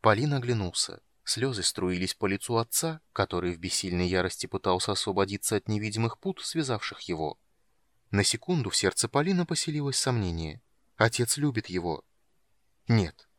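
A man narrating a fantasy audiobook in an even, measured reading. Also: fairly low pitch, no echo.

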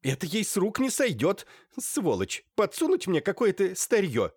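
A man voicing a shrill, hysterical middle-aged woman who hurls venomous insults. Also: huge pitch swings, normal speed, a little mellow, breathy edge, dry recording, studio quality, full character voice. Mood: furious, spiteful. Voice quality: shrill, screeching. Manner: venomous insults, theatrical outbursts.

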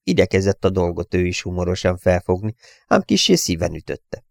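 A man calmly narrating a novel as an audiobook reader, in an even reading manner. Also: low-pitched, gravelly, dry recording, clean studio sound.

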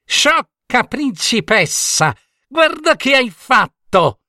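A man voicing a cruel wicked witch queen in a fairy tale, shrill, mocking and cackling. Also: huge pitch swings, extremely slow, sharp tone, no room sound, clean studio sound, exaggerated voice. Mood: furious.

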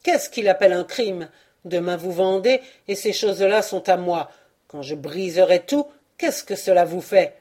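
A woman reading aloud and voicing an arrogant, drunken young lord who speaks in a loud, insulting, domineering way. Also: on the low side, measured pace, husky. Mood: scornful.

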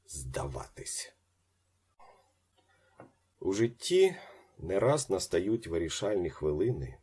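A man reading a story aloud as an audiobook narrator, acting out the shouted lines and dropping to a slow hush. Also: a bass voice, husky.

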